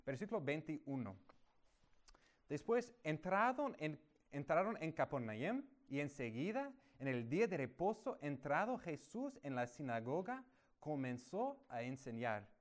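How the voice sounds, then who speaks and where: A man preaching a sermon, teaching through a Bible passage verse by verse and raising his voice for emphasis. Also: a little slow. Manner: animated, rises in pitch and volume for emphasis.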